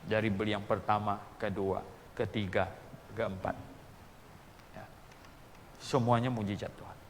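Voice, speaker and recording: A pastor in his sixties preaching a sermon. He tells a personal story with lively, acted-out dialogue. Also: on the low side, measured pace, long reverb tail, slight background noise. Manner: animated storyteller who acts out dialogue.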